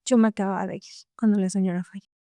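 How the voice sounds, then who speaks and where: A woman's voice: medium pitch, fairly even intonation, racing, dark tone, no echo. A young woman guest telling a personal story in an earnest, casual way, often tagging her lines with a questioning "no?". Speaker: podcast guest.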